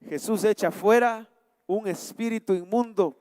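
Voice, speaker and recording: A male pastor preaching with emphasis, often firing questions at his congregation. His voice sits high and rings smooth and resonant. The mic is close, but a long church reverb trails behind each phrase. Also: a little slow, darkish tone. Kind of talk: sermon with scripture reading and prayer. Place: church sanctuary.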